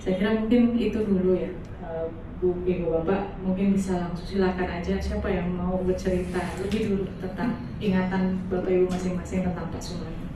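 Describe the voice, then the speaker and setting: A woman's voice: on the low side, fairly even intonation, fairly quick. A woman interviewer explaining a history research project politely and at length, with frequent fillers. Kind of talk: discussion moderation. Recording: echoey room, distant mic, background noise.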